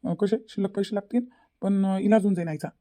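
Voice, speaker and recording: A voice actor playing a young, worried son in a cartoon, calm and reassuring. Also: medium pitch, fast talker, lightly acted.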